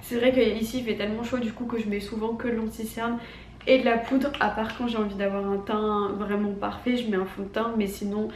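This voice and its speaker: A woman's voice: medium pitch, fairly even intonation, fairly quick. A young woman with a honking, stuffed-up nasal voice speaks with an accent from France. She chats informally and emphatically, like a beauty vlogger, in an echoey room with faint background noise. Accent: French from France. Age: young adult. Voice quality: honking, duck-like nasal voice from congestion. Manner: informal, filler-heavy, emphatic. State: congested, sick with a cold. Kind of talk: casual chatty product haul.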